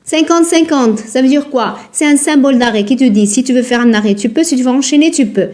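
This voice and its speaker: In a live online tajwid lesson, a woman teaches Quran recitation rules, patiently and repetitively drilling words slowly and asking her students questions. Her voice is high-pitched and mellow.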